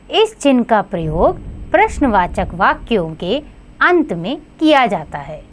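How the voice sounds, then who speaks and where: A woman teaching a grammar lesson to children in a clear, sing-song teacherly way. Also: medium pitch.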